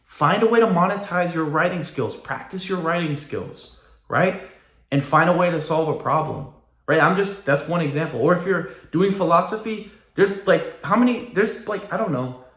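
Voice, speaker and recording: A man's voice: fairly high pitch, animated, normal speed, fairly bright tone. Man ranting to camera in a roomy echo. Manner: emphatic, repeats "right?". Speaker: vlogger. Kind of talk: casual rant to camera.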